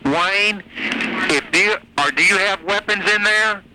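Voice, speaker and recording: A man, a sheriff's lieutenant heard over the phone, speaking steadily and repeating the caller's name to keep him calm. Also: high voice, a little slow. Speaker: sheriff's lieutenant taking an emergency call. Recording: noisy archival phone call recording.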